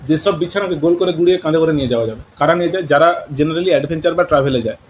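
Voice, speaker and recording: A man's voice: a little high, very fast, slight background noise, rough recording. Male Bengali teacher explaining English words. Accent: West Bengal Bengali. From West Bengal, India. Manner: mixes English words into Bengali, asks students questions.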